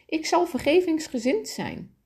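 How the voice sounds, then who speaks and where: A woman voicing a small, innocent soul who asks excited, pleading questions. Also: high-pitched, unhurried, gravelly, pitched above the performer's own voice, exaggerated voice. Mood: eager.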